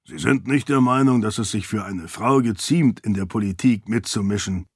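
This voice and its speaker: Man doing a raspy gruff uncle. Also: on the low side, normal speed, dry recording, studio quality. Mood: curt. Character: gruff middle-aged man, uncle, cook. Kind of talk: audiobook character voice.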